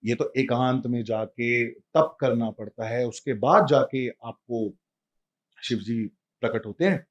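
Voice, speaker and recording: A man voicing a poor, tired mother who speaks softly and low to her son. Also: expressive, quick pace, breathy edge, highs cut off. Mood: soothing. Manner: soft, lowered, tired. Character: poor weary mother, gentle then scolding.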